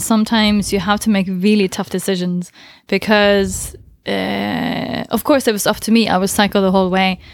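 A long-distance cyclist, appearing as a guest in a conversational interview, answers thoughtfully and hesitantly with frequent fillers and laughs. Her mid-range voice is creaky, and the recording is dry.

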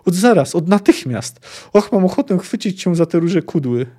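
Man plays a cutting, possessive sorceress, higher and loud for an audiobook-style reading. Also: lively intonation, moderate pace. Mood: furious. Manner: sharp, commanding, scornful. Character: proud furious female sorceress, possessive and cutting.

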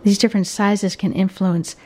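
A woman's voice: medium pitch, steady tone, moderate pace, darkish tone. A woman with an American accent reading scripted narration as a science radio host and reporter.

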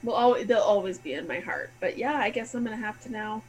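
A woman co-hosting a casual comics podcast, chatty and playful with quick asides. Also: mid-range voice, animated, darkish tone, faint music behind, rough recording. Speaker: podcast co-host.

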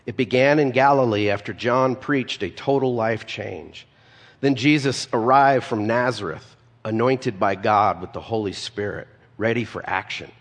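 A man preaching a conversational sermon, telling stories with casual asides. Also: medium pitch. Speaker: pastor. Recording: long hall reverb.

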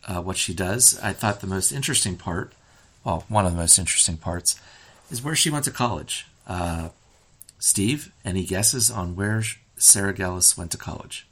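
Man, podcast host, very low voice, opinionated, rambling, casual sports chat. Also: fairly bright tone.

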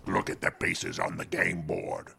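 Low, gravelly cartoon sage. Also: male voice, very animated, pushed and bright, soft background music, full character voice. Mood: solemn. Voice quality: gravelly, husky. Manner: measured, solemn.

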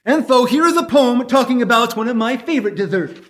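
A man's voice: extremely high pitch, lively intonation, fairly quick, a bit bright. A man voicing a dopey, cheerful cartoon moose who grandly recites poetry in a goofy voice for a radio-style comedy sketch. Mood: pompously pleased. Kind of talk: old-time radio variety sketch.

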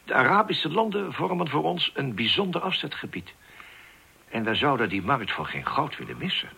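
Old chancellor, deliberate, rasping, animated pitch. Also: male voice, exaggerated voice. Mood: measured. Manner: deliberate, hesitant, formal. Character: elderly German chancellor, cautious, formal. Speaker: statesman. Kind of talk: 1960s radio drama.

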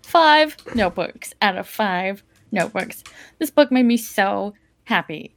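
A woman's voice: mid-range voice, expressive, a little slow. A woman co-hosting a podcast, giggly and playful in casual chat. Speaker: podcast co-host.

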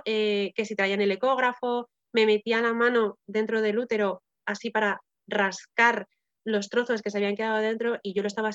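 A woman recounts a personal experience in conversation. She acts out the people she quotes and often hesitates before going on. The recording is dry and slightly muffled, at an ordinary pitch for a woman. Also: no room sound. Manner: vivid retelling, acting out quoted voices, frequent hesitations. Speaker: interviewee telling her birth story.

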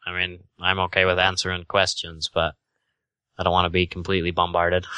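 A man with a Utah accent giving casual, halting, tentative answers as an interview guest. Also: low-pitched, monotone, bright, forceful tone, smooth, no room sound.

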